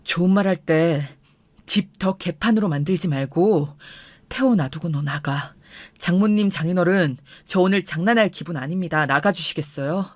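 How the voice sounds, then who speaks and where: Young husband, done by a woman, low firm voice, coldly angry, radio story. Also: animated, brisk, dry recording, lightly acted. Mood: stern anger.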